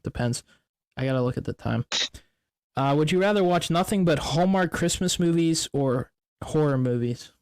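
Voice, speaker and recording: A man hosting a casual gaming podcast, relaxed and laughing often as he chats. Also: fairly high pitch, normal speed, smooth, dry recording. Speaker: podcast host.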